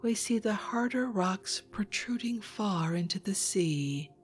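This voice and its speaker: A narrator reading an old descriptive text in a soft, hushed, partly whispered ASMR style, measured and calming. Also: mid-range voice, faint music behind. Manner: slow, measured, calming delivery. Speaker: narrator, reader. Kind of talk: ASMR quiet reading of an old geology book, scripted narration.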